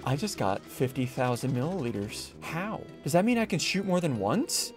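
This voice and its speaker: A young man giving excited gameplay commentary, swinging between loud outbursts and quiet muttering. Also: fairly high pitch, normal speed, soft background music. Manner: animated, jumps between shouting and muttering. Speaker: gaming video host.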